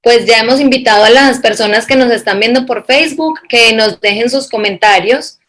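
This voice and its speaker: A woman's voice: on the high side, normal speed, a bit bright. A woman hosting an online event, moderating in an informal, conversational way. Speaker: event host.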